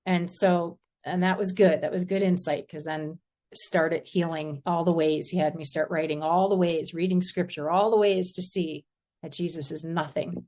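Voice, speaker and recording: A woman sharing a personal faith story in a group discussion, earnest and halting, often breaking into laughter. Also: fairly low pitch, fairly even intonation, a little mellow.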